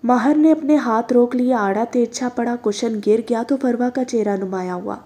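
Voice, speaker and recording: A woman reads a novel aloud with expressive storytelling. Her voice sits fairly high yet sounds mellow and warm. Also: normal speed. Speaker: narrator. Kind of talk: dramatic reading of a novel.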